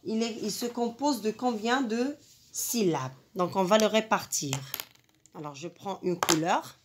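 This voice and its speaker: A woman teacher walks a class through a poem. She speaks very slowly and carefully, at a middling pitch, and leans on each syllable as she counts it out. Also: noisy background. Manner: slow, deliberate, stresses each syllable. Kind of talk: reading lesson on poetry.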